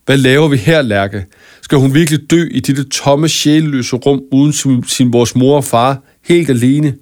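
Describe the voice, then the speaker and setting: A man's voice: medium pitch, darkish tone, no room sound, clean studio sound, voice pushed up, natural voice. A man voicing an upset young boy who pleads in distress.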